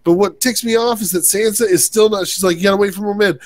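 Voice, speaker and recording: A man's voice: high-pitched, fairly even intonation, quick pace, no echo. A man co-hosting a casual TV recap, retelling scenes by acting out the characters' lines and laughing often. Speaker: podcast co-host.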